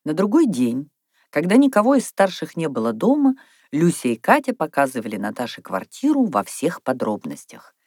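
A woman narrating a children's story aloud in a measured, expressive reading voice. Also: low voice, slightly rough, dry recording, studio quality.

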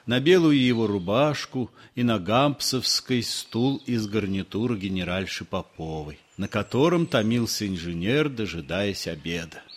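A man reads a novel aloud as a narrator, measured and expressive. His pitch sits in the middle but moves a lot, lively from phrase to phrase. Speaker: audiobook narrator.

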